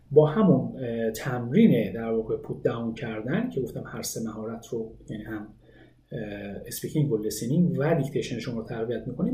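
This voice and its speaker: A man teaching a language lesson, explaining study methods with lively, rising emphasis. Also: medium pitch, roomy sound. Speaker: English teacher.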